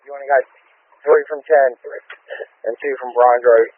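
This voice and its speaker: A man's voice: medium pitch, steady tone, moderate pace. A man giving matter-of-fact, informal fire and ambulance radio reports as a firefighter over a two-way radio. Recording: thin, tinny two-way radio transmission.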